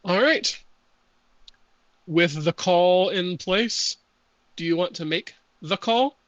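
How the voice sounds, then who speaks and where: A man acting as game master, reading out rules and narrating a tabletop game in a slow, measured way with hesitant pauses. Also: high-pitched, fairly bright tone, no echo, muffled recording.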